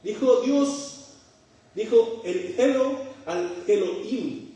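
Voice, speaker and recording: A middle-aged Chilean man with a Chilean accent preaches a sermon in a church hall, asking his congregation rhetorical questions and tossing in joking asides. His voice is very high, mellow and slow, with lively intonation. The room is very echoey and the mic sits far away.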